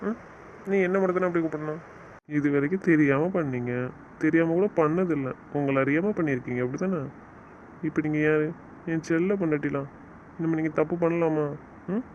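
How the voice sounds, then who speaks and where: A man's voice: fairly high pitch, fairly quick, pauses often, natural voice. A man as a scolding, coaxing husband. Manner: scolding, lecturing, then coaxing. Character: stern but loving young husband. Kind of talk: audio drama acting. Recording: dull lo-fi recording with faint noise.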